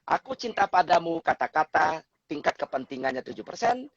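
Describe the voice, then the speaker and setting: A man's voice: a little high, big pitch swings, fairly quick, creaky, breathy edge. A man as the guest expert on a talk show, lecturing on communication and acting out example phrases in different tones. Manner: lecturing, acts out example phrases with changing intonation. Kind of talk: explanatory talk show chat. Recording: dull lo-fi recording.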